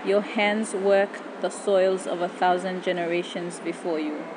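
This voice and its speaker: A woman's voice: lowish voice, steady tone, unhurried. Papua New Guinean woman reciting pidgin poetry, noisy recording.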